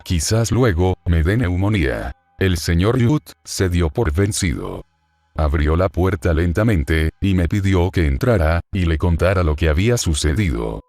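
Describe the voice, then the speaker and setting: A man reading a first-person horror story aloud in measured, short phrases with pauses. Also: sits low, very animated, a little mellow, no echo.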